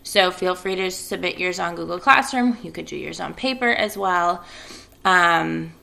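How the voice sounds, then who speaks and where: A woman speaking as an elementary school teacher reads aloud to children and makes casual class announcements. Her lowish voice is unhurried, pushed and bright, with vocal fry.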